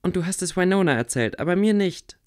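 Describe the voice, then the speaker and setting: A man's voice: animated, brisk, darkish tone. A man voicing a stubborn frustrated young witch girl. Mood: indignant. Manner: pleading, raised pitch.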